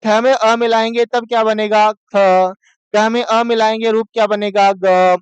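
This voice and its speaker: High, smooth-voiced male Sanskrit teacher. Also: little pitch movement, a little slow, no echo, lo-fi sound. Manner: asks the class questions and answers them himself; mixes Hindi explanation with read-aloud Sanskrit. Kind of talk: online class lesson explaining to students.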